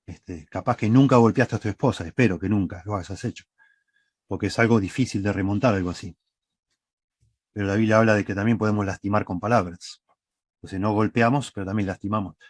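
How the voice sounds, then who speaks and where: Checking in often with a "¿sí?", an Argentine preacher walks his congregation step by step through his teaching. His voice is fairly low and slightly rough, and he talks a little fast. The sound is clean and studio-quality, without echo.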